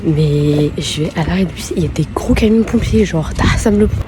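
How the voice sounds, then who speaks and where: A woman's voice: low voice, fairly quick, noisy background. A teenage young woman chatting casually to her vlog, telling rambling, slangy anecdotes and quoting people as she goes. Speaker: vlogger. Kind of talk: casual chat vlog, storytelling.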